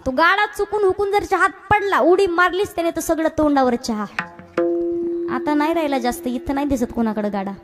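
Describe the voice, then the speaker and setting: A woman with a strikingly high, bright voice leads a devotional kirtan. She tells a humorous village story, acting out the husband and wife in turn. Now and then she sings verses in a slow, drawn-out way. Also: soft background music. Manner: storytelling with acted village dialogue and audience questions; breaks into sung verses. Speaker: kirtan preacher. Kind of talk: comic devotional kirtan sermon.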